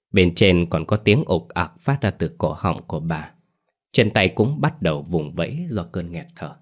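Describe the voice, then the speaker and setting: Ghost story narrator, man, very low voice, steady dramatic read.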